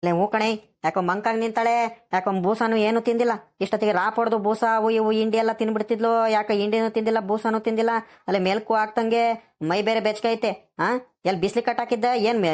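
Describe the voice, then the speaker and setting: A woman's voice: fairly high pitch, steady tone, brisk, darkish tone, close to an everyday voice. A woman voicing a scolding old village grandfather. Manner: scolding, lecturing.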